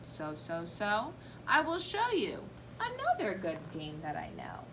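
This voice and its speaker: A woman voicing a boastful, playful male trickster cat in an animated children's storybook read-aloud, eager and coaxing. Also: mid-range voice, a little slow, noisy background. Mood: stubborn, cheerful.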